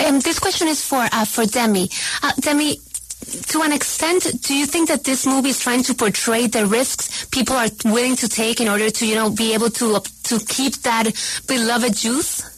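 A woman interviewer asks her question with a husky, slightly high voice, halting on fillers as she goes. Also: low-quality recording.

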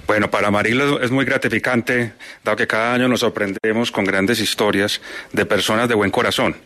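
A man speaking as a company executive, measured and formal. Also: on the low side, fairly even intonation, sharp tone. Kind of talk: formal corporate statement.

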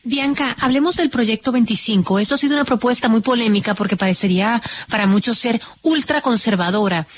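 A woman interviewer asking formal, measured questions on a broadcast. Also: a little high.

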